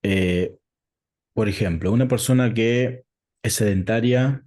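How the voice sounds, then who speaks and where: A man with an Argentine accent hosting a sit-down interview, asking questions in a measured way and laying out topics one after another. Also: lowish voice, darkish tone. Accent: Rioplatense Spanish. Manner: measured, introduces topics in lists. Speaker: interviewer host.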